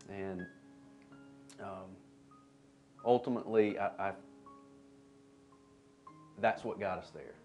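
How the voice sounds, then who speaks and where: A man sharing an earnest personal testimony, halting and restarting as he goes. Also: low voice, a little mellow, faint music behind.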